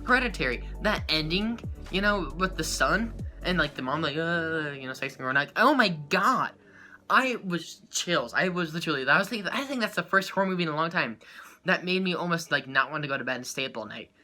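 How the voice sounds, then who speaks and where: A man giving a rambling, excitable life update to his viewers as a small YouTuber, full of fillers and quick laughs. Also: a little high, soft background music. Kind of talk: casual chat to camera.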